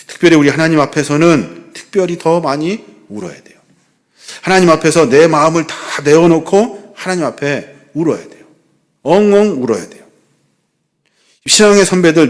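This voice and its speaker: A man in his forties, a pastor, giving an earnest sermon that rises to fervent pleading. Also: fairly high pitch. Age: 40s. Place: church hall.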